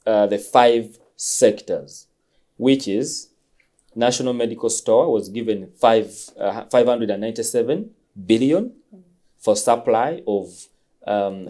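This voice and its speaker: A man's voice: medium pitch, mellow. A man hosting an interview, asking probing questions with frequent hesitations and murmured backchannels. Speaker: interview host.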